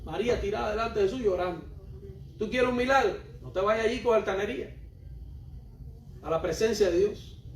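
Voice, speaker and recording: A man preaches with a high voice, hammering each point through repetition and direct questions to the congregation. He is heard from some distance in a roomy church hall, with faint ambient noise behind him. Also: a little fast, long pauses. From Cuba. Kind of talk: sermon.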